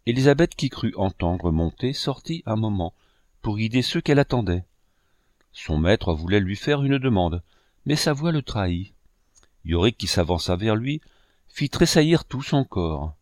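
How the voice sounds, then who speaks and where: A man giving a measured, solemn audiobook narration of a novel. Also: fairly low pitch, a little mellow, no echo, studio quality. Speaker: audiobook reader.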